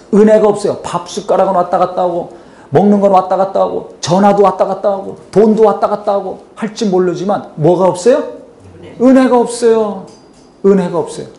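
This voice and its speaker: A man's voice: high-pitched, dark tone. A male pastor preaching a sermon in church, pressing his points with rhetorical questions and calls to prayer. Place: church sanctuary. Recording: echoey church hall.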